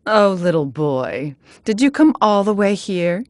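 A woman's voice: mid-range voice, very animated, a little slow, dry recording. An actress playing a cool, scornful young female android fighter in an anime fighting game, curt and taunting. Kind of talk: English-dubbed anime fighting game voice clips.

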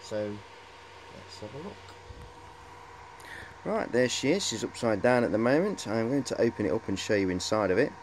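In a cluttered workshop, a middle-aged hobbyist presenter does a casual show-and-tell on a handheld camera, rambling hesitantly and saying "of course" again and again. His voice is fairly low and expressive at a moderate pace, and the rough recording carries a little hiss or hum.

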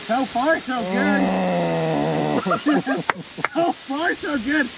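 Man, muffled by a gas mask, playfully dramatic, off-mic in loud wind noise. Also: extremely high pitch, lively intonation, very slow. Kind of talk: casual vlog banter. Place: outdoors in wind. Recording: distant outdoor voice, heavy wind noise.

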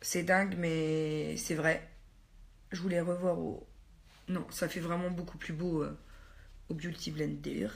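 A woman's voice: low-pitched, level tone, measured pace, vocal fry, pauses often. A woman chatting casually to her viewers while doing her makeup, hesitant with many fillers and teasing herself in asides. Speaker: beauty vlogger. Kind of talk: casual get-ready-with-me makeup chat.

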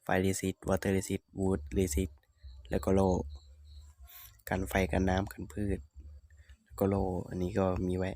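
Low gravelly man explaining game stats. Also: slow, pauses often. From Northeastern Thailand. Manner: relaxed, explanatory, thinking aloud with hums. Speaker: gaming channel host. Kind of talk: casual game tutorial voice-over.

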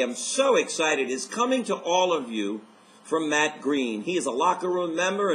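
A man's voice: fairly high pitch, a bit bright. A man in his fifties, a life coach hosting a motivational video message, speaking upbeat and enthusiastic straight to camera from his living room.

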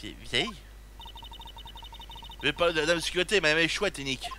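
A man's voice: on the high side, expressive, brisk, sharp tone, slight background noise. A man voicing a chatty young girl sidekick who talks in an offhand way.

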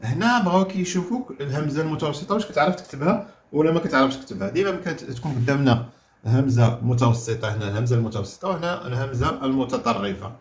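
A man with a Moroccan Arabic accent explains a grammar lesson like a teacher at the board, checking with the class and drawing out each word slowly so it can be written down. His voice sits at an ordinary middle pitch, and the recording carries a clear room echo. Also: expressive, a little hiss or hum. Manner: explains with questions, repeats words slowly for dictation. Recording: echoey room.

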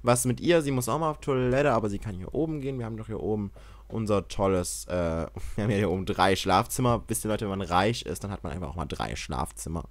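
A young man commentating a life-sim game he is playing, excitable and swearing, often yelling in mock outrage. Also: lowish voice, quick pace, no echo. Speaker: gaming YouTuber. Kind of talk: Let's Play commentary.

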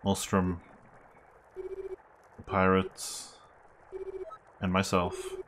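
A man plays a grave former pirate from a video game, very deep in voice. He speaks with formal courtesy, measured and halting, over clear background noise. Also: completely flat delivery, a bit bright, exaggerated voice. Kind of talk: reading game dialogue aloud.

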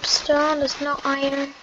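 A woman giving chatty, excitable commentary while playing a computer game, often apologizing to her viewers. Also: high voice, muffled recording, noisy background. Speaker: gaming video host. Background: game music.

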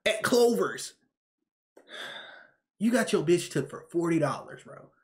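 A young man giving loud, incredulous reaction commentary over a video, repeating himself and calling people "bro". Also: high-pitched, animated, measured pace. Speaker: reaction streamer.

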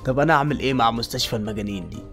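A man's voice: medium pitch, very fast, a bit bright, soft background music, close to an everyday voice. A man with an Egyptian accent voicing an exasperated male doctor at an asylum, scolding and then coaxing his patients. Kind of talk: fan-made game movie voice acting.

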